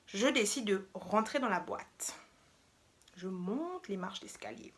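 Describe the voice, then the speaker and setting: A young woman telling a story in a casual, animated, slangy way. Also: mid-range voice, takes it slowly, background noise. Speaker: vlogger.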